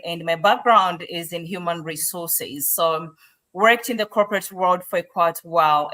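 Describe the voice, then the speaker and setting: A woman's voice: lowish voice, bright, forceful tone. A woman from Malawi, a guest on an online show, telling her personal story earnestly with rhetorical questions. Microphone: video call.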